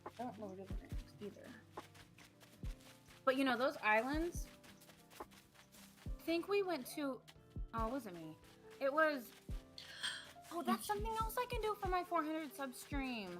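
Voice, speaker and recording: A woman co-hosts a relaxed podcast stream and talks in a meandering, self-mocking way. Her pitch runs a little high and moves a lot. Game music plays clearly behind her. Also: a little slow, pauses often. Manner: rambling, chatty, self-deprecating. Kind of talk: casual chat while playing a game.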